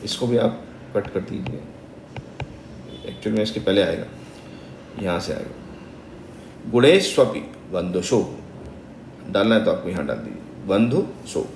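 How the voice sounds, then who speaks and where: A man's voice: sits low, lively intonation, unhurried, creaky, pauses often, darkish tone. A man teaching Sanskrit recitation, chanting verses syllable by syllable and then explaining pronunciation in speech. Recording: roomy echo, faint background noise.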